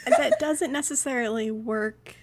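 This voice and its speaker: Woman, tabletop role-play player, easygoing, fairly high voice. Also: unhurried, background noise.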